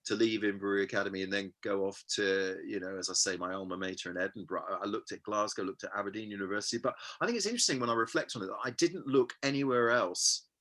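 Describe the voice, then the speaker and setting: With a lowish voice and a fairly bright tone, a man in his fifties from Hampshire in England tells childhood stories during a casual interview. He comes across as self-deprecating, halting as he speaks and using many fillers.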